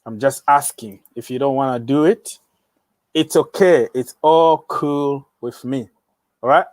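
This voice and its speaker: Slow, joking man hosting a football stream. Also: mid-range voice, dry recording. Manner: loose, joking, talks straight to viewers. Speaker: livestream host of a football channel. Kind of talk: casual livestream chat.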